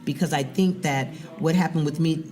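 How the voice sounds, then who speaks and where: A middle-aged woman, a business owner, talking as a guest in a casual interview, animated and often repeating words as she starts a thought. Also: low-pitched, moderate pace, a little hiss or hum.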